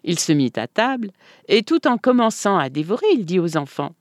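A narrator reading a folk tale aloud in an expressive, storytelling manner. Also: medium pitch, no echo, studio quality. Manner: slow, expressive, lively.

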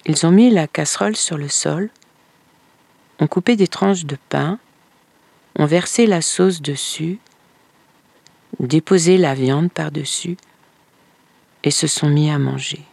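A woman telling a folktale in a slow, expressive storytelling manner. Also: low voice, gravelly, dry recording. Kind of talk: folktale narration.

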